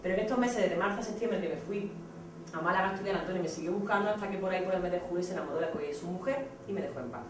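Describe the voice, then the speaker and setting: A woman in her thirties with an accent from Spain, giving a blunt, animated theatrical monologue to students. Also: fairly low pitch, racing, noisy background. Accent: Spain Spanish. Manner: animated, blunt, acts out scenes. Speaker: speaker addressing students. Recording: echoey hall from far off.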